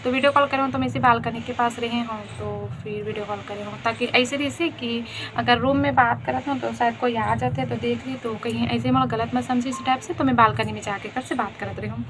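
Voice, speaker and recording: A woman's voice: on the high side, steady tone, a little fast, background noise. A young woman with a Chhattisgarhi accent, telling a personal story to her viewers in a chatty, friendly way. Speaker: vlogger. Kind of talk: casual storytelling.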